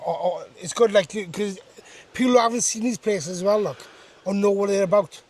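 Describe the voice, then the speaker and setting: High-voiced Welsh Valleys lad. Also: male voice, fairly quick, darkish tone. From South Wales Valleys. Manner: slangy, ends phrases with "like" and "bro". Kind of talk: casual chat.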